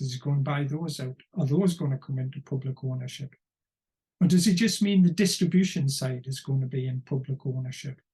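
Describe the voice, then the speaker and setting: A man giving unscripted political commentary, rambling and wry, often pausing to search for words. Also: medium pitch, warm tone.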